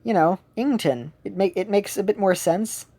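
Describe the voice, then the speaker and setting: A woman's voice: medium pitch, moderate pace, dark tone. A woman streamer chatting casually while she plays a game, rambling and often correcting herself. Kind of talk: casual chat while gaming.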